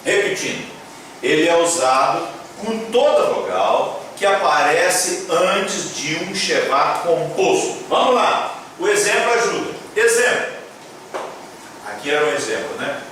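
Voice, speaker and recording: A man teaching a lesson at a board, repeating key words slowly and checking in with his viewers, encouraging them as he goes. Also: on the high side, expressive, fairly bright tone. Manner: encouraging, addresses viewers as "minha gente". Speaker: Hebrew teacher. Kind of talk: classroom-style lecture at a board. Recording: echoey room, voice from a distance, faint background noise.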